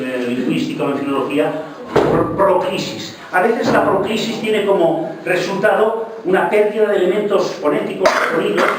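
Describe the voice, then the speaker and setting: An older man talks in a professorial, digressive way, his pitch rising and falling with lively emphasis. He is picked up from a distance in a very echoey hall, with faint noise behind him. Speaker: lecturer. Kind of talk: public talk. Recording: echoey hall, mic from far off.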